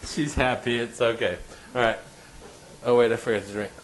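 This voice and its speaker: A man's voice: medium pitch, steady tone, normal speed. A man chatting casually as co-host of a cooking show, bantering like a buddy in a laid-back way. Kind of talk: casual chat. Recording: roomy, distant mic with background noise.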